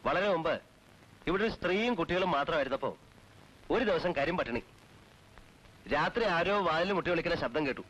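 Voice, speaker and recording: A man's voice: a little high, lively intonation, a little fast, pauses often, fairly bright tone, low-quality recording. An actor playing a devout middle-aged man who heads a traditional household, speaking in a stern, formal way that turns earnest. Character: devout middle-aged man, strict but kind-hearted. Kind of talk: 1980s film drama.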